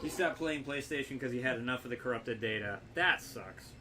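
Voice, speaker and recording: The speaker is a man with a medium-pitched voice talking fairly quickly as he streams a video game. He keeps up casual, wry commentary and conversation with viewers, swearing liberally, recorded on a noisy, distant mic amid game sound.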